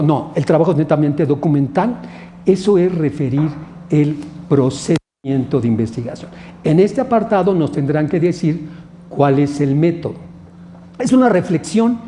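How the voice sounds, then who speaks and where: A man's voice: fairly high pitch, warm tone, a little hiss or hum. A man with a Mexican Spanish accent teaching research methodology in a recorded lecture, asking questions and answering them himself. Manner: didactic, asks rhetorical questions and answers them. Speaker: instructor.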